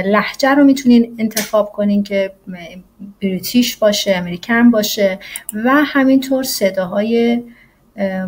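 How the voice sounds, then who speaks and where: A woman English teacher walking through a software tutorial in a casual, explanatory way, often pausing on "uh". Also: medium pitch, a little hiss or hum. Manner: casual and explanatory, with frequent "uh" fillers. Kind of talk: screen-recorded software tutorial.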